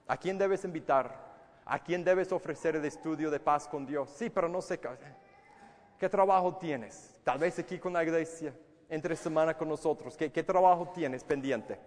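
A man's voice: a little high, big-room sound. A man preaching a sermon to his congregation. He often repeats words and asks many rhetorical questions. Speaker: pastor. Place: church hall.

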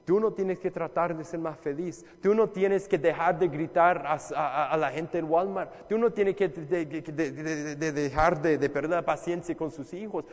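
A fairly high-voiced man preaches a casual, conversational sermon in a church hall, his words trailing off in a long reverb. He poses questions straight to the congregation and moves between forceful emphasis and near-hushed, soft lines. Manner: talks directly to listeners with rhetorical questions. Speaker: pastor.

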